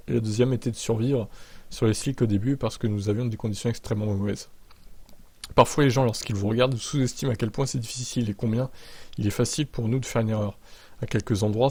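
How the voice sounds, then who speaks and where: A motorsport commentator and video host, this man has a lowish, slightly mellow voice with a breathy edge and no echo. He hosts news, shifting between narration and blunt opinion in an informal, sardonic, slangy way.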